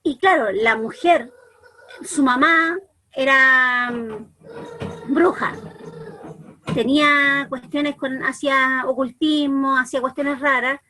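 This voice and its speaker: A woman with a Chilean accent, a church youth leader, telling a story over a group video call in an animated way, full of restarts and repeats. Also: high voice, slow, long pauses, a little hiss or hum.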